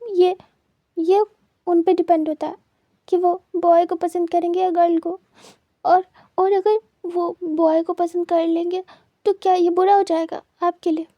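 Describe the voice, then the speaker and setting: A woman's voice: very high voice, little pitch movement, unhurried, dry recording, lo-fi sound, voice pushed up. A woman voicing a tearful, emotional young man who stammers and repeats words while crying. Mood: tearful pleading. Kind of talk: dramatized story reading.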